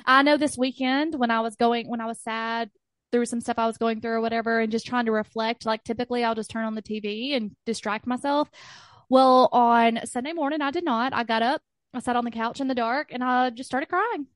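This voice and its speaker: A woman's voice: a little high, fairly even intonation, a little fast, no echo, studio quality. A woman hosting a podcast, candidly sharing personal stories and laughing as she talks. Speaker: podcast host. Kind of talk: podcast conversation.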